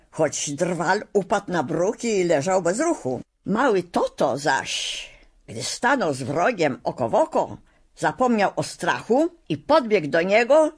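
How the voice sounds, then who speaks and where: A woman reading a children's storybook aloud at a measured pace. Her voice sits in a middle pitch but moves lively up and down to bring the story along. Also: husky. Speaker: audiobook narrator. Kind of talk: storybook narration.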